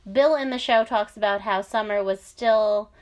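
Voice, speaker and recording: A woman's voice: medium pitch, moderate pace. Chatty young woman telling a true crime story. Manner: chatty, sarcastic asides, frequent fillers. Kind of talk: casual storytelling chat.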